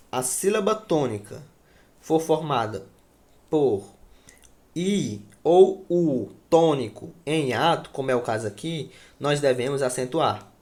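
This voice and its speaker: A man's voice: medium pitch, a little mellow. A man teaching a grammar lesson, repeating words and checking in with his students as he goes. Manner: slow, repeats words and asks "certo?".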